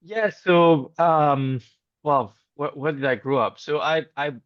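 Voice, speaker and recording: A Frenchman with a French accent, appearing as a guest in a relaxed video call interview, speaks slowly in a slightly high voice. He's friendly but hesitant, full of fillers and restarts. The dry recording has the dull, lo-fi sound of a video call.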